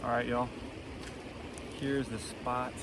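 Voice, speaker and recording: A man's voice: medium pitch, little pitch movement, slow. Male vlogger, mid-range voice, laid-back and colloquial, casual phone recording with heavy outdoor and engine noise. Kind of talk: casual vlog talk to camera. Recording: loud outdoor and vehicle noise.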